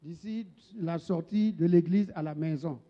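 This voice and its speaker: Emphatic preacher, lo-fi. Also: male voice, on the high side, measured pace. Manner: emphatic, call-and-response preaching. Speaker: pastor. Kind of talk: sermon with interpreter. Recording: dull lo-fi church recording.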